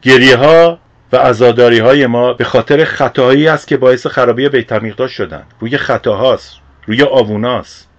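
A man, a religious teacher, preaching a sermon in an earnest, explanatory way and posing rhetorical questions. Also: medium pitch. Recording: dull lo-fi recording.

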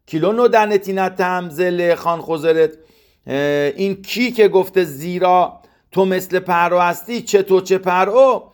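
Man teaching with chanted verses, slightly high. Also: smooth. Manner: chants Hebrew verses then explains them in plain speech; poses questions to the listener. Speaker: Torah teacher. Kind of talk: text study lesson.

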